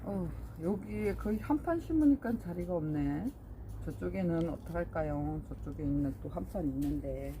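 A woman's voice: lowish voice, expressive, moderate pace, mellow, a little hiss or hum, poor audio. A middle-aged woman vlogging casually about her succulents, chatting to viewers as she plants in a greenhouse. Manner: chatty, talks to viewers while working. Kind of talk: casual chat while planting.

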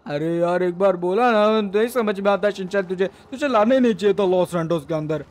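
A man's voice: sits high, fairly quick, natural voice. A man voicing a timid, whiny talking dog in a game role-play. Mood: scared. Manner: fearful, whiny.

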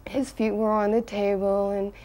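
An older woman telling a personal anecdote, earnest and halting, with restarts and bursts of excitement. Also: mid-range voice. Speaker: devotee recalling a memory.

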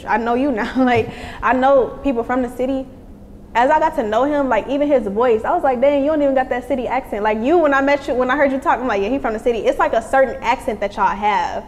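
Fast-talking woman in an echoey room. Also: on the high side. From Lake County, Illinois. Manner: candid, chatty, repeats "you know what I'm saying". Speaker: interview guest. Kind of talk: casual interview talk. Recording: echoey room with faint noise.

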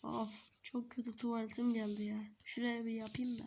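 A woman's voice: fairly high pitch, level tone, a little fast, background noise. A woman narrating her own game role-play in a chatty way, constantly talking to the viewers.

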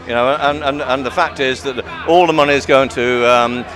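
A man's voice: medium pitch, steady tone, moderate pace, over music, crowd noise. A man in his sixties talking casually as an interviewee about what he does as a DJ. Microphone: handheld shotgun microphone held by interviewer.

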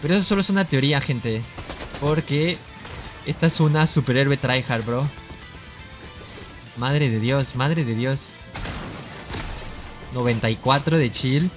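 A young man giving lively gameplay commentary, excitable and repeating his exclamations as he trash-talks opponents. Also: medium pitch, a little slow, long pauses. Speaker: gaming YouTuber. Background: background music.

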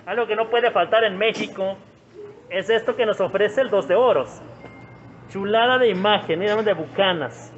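A man's voice: high voice, normal speed, lo-fi sound, soft background music. A man with a Mexican accent narrating casually as he films around an open-air roadside restaurant, greeting people by name and repeating himself. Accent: Mexican Spanish. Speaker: vlogger showing a restaurant.

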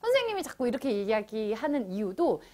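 Woman, young, math teacher, high-pitched, very animated intonation, playful and chatty. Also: brisk. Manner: chatty, playful, addresses students directly. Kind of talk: online lecture to middle schoolers.

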